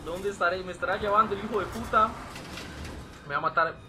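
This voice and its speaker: A man's voice: sits high, quick pace, noisy background. Jumpy, swearing man commentating a game. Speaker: gameplay commentator. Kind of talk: let's play commentary.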